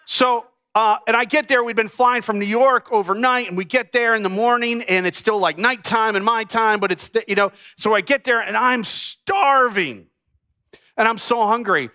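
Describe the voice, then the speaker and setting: A man's voice: sits high, normal speed, bright, forceful tone, clean tone. A man, a pastor giving a sermon as a funny personal story to his congregation. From United States.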